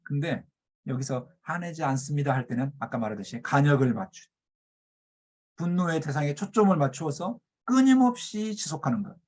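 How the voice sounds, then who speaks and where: A male pastor preaching a sermon, acting out scripture characters' lines with shifting pitch and loudness. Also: lively intonation, moderate pace. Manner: acts out biblical quotes with shifting pitch and loudness.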